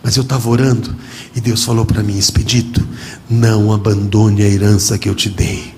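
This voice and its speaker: A man voicing his late father, an older pastor, speaking softly, slowly and tenderly. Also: fairly low pitch, little pitch movement, slight background noise, voice pushed down, natural voice. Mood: solemn. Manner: soft, slow and tender. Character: gentle older male pastor, loving father.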